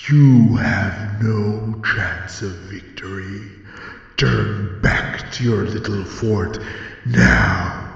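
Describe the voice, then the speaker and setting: Cold, rasping evil emperor, very slow. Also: male voice, on the low side, heavily acted. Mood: cold, menacing. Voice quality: rasping, gravelly. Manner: cold, slow, menacing, imperious. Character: cold, menacing male Dark Lord, evil overlord. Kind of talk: dramatic fantasy audiobook acting. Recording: heavy cavernous reverb, slightly dull.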